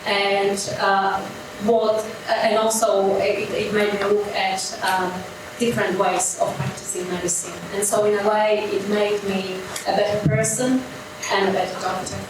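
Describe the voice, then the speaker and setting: A hesitant middle-aged woman from Slovakia, a doctor, gives a pitch at an evening event, her voice fairly flat and stumbling over fillers. She sounds far from the microphone in a very echoey room. There is a steady noise behind her. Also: a little slow. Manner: hesitant, many fillers and restarts. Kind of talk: business pitch presentation.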